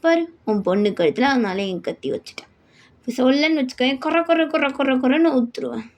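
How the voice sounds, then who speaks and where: A woman's voice: high-pitched, lively intonation, fairly quick, pitched above the performer's own voice. A woman voicing a menacing young man who wants revenge, speaking in threats and mockery. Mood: threatening. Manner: threatening, mocking.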